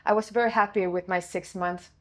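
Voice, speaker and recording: Steady in tone and fairly quick, this woman's mid-range voice belongs to a Swedish interview guest who used to play and coach as a goalkeeper. Her native language is Swedish, and she relates her story in English casually, often restarting and using fillers.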